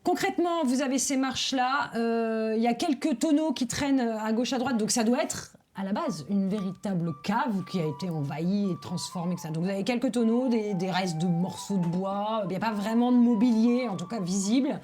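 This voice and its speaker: Woman game master narrating over soft music. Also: a little high, a little fast, few pauses. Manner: hesitant, searching for words, descriptive. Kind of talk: improvised tabletop game narration.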